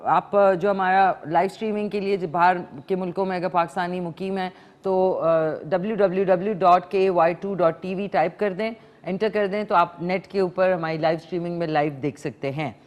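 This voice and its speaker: A woman's voice: fairly low pitch, fairly even intonation, fairly quick, hardly any pauses, darkish tone. Chatty Pakistani woman hosting a call-in show. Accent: Pakistani Urdu. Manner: chatty, mixing English phrases. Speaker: morning show host taking calls. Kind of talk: live call-in talk show chat.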